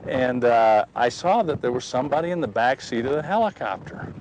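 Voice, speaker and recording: A man's voice: mid-range voice, animated, a little fast, darkish tone, slight background noise, low-quality recording. A man giving an earnest personal faith testimony outdoors at a historic site, acting out the dialogue as he tells it. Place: outdoors on a ridge.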